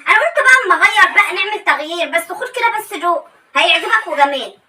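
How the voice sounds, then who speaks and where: A woman's voice: extremely high pitch, lively intonation, quick pace, distant mic, heavy background noise. A woman voicing a cheeky, stubborn young wife in a comedy sketch, with an Egyptian accent and a coaxing, defiant manner.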